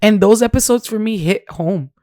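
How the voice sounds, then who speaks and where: A woman in her thirties co-hosting a podcast, talking in an animated, chatty way and slipping in Spanish phrases. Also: medium pitch, normal speed, no echo, studio quality. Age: 30s. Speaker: podcast co-host. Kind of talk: casual chat.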